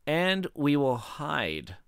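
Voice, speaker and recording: A man's voice: a little high, sing-song, drawn-out words, gravelly, fairly bright tone, clear, resonant tone. A man playing as a guest on a live game stream, chatting easily and musing over his choices. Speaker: guest player. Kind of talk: casual live game chat.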